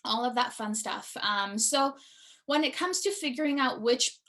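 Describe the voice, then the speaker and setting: A woman with a slightly high voice presents an immigration webinar as an attorney. She is earnest and friendly, and she scatters "um" fillers through nearly every sentence. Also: normal speed, fairly bright tone. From born in Iraq, raised in the United States.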